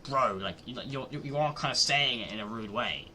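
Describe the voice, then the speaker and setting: A man's voice: medium pitch, expressive, normal speed, a little hiss or hum. A man streaming live, reacting to a video and arguing his point over and over. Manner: argumentative, repeats himself, gets loud when annoyed.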